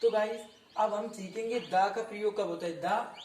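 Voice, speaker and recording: A high-voiced young man explains grammar to his students, repeating words and quizzing them as he goes. He stands back from the mic, so his voice carries a roomy echo with faint background noise. He often stops to correct his own slips. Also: moderate pace, darkish tone, recorded from a distance. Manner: frequent self-corrections. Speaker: teacher. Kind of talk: grammar lesson explained in Hindi.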